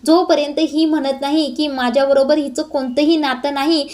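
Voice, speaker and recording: A woman reading the lines of a furious young man who shouts accusations, in a serial recap. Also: high-pitched, fairly even intonation, moderate pace, close to an everyday voice.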